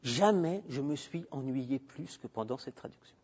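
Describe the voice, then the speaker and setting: With lively intonation and a mid-range pitch, this guest lecturer talks at normal speed in a darkish, husky voice. He addresses a university audience through a handheld mic, emphatic, digressive and conversational. Expect a dull, lo-fi capture with lengthy hall reverb.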